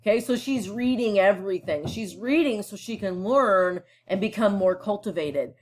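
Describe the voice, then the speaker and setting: A woman teacher reads passages from a novel and stops to unpack them for her students. She talks casually and checks in often, her voice at an ordinary middle pitch. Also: normal speed. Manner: casual and explanatory, with frequent fillers and check-ins. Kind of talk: reading a novel aloud and explaining it.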